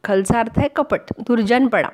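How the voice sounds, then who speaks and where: A woman's voice: on the high side, moderate pace, darkish tone. A woman teaching a class, reading a funny passage aloud and explaining it line by line. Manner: reads a passage aloud, then explains it in plain words and acts out the dialogue. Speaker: Marathi teacher. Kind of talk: reading and explaining a humorous lesson text.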